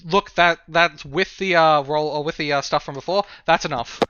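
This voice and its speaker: A man acting as game master, narrating a tabletop role-playing game in a halting way as he improvises descriptions. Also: a little high, sharp tone, smooth, dry recording, dull audio.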